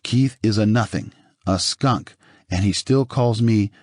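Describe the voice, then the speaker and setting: Bitter, profane man ranting mid-fight, as the reader plays him; deep, dark, husky voice. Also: a little slow, dry recording, clean studio sound.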